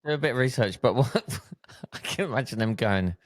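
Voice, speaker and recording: A man's voice: medium pitch, animated, brisk, no room sound. A man co-hosting a podcast in casual chat, talking earnestly and hammering home his points by repeating them. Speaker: podcast co-host.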